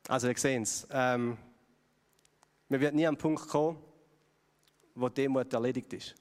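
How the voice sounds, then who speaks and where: A man's voice: medium pitch, fairly even intonation, normal speed, a little mellow. A man with a Swiss German accent preaching a sermon in a conversational way, putting questions to his audience. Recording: long hall reverb.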